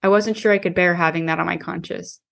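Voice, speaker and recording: A woman, an author, reading her own novel aloud in steady first-person audiobook narration. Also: fairly low pitch, vocal fry. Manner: steady, measured reading with occasional restarts.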